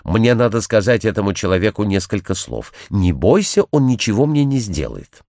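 A man's voice: lowish voice, big pitch swings, normal speed, vocal fry, a little mellow, no room sound, studio quality. A man voicing a shaken middle-aged woman who speaks tensely with a trembling voice, hiding her agitation.

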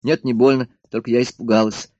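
A man's voice: medium pitch, level tone, fairly quick, a little mellow, no room sound, lightly acted. A man voicing a timid frightened girl. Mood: timid, pleading. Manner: timid, pleading. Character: frightened young girl patient. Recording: dull dry lo-fi studio recording.

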